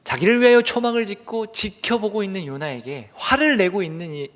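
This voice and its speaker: A male pastor preaching a sermon earnestly, putting rhetorical questions to the congregation and swinging between loud emphatic bursts and hushed whispers. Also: high voice, expressive, a little fast. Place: church sanctuary. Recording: long church hall reverb.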